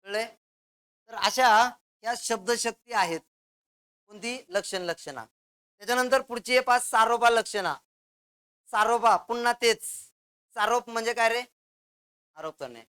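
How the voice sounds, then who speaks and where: A male teacher giving a classroom grammar lecture, explaining step by step with examples and firing quick questions at the class that he answers himself. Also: extremely high pitch, fairly bright tone, clear, resonant tone.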